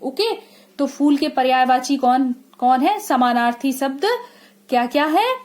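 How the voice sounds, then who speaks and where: Female schoolteacher with a high pitch. She explains slowly and repeats key points to young pupils. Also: a little mellow. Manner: asks children questions and answers them herself; slow, repetitive explaining. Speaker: school teacher. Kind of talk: classroom lesson for children.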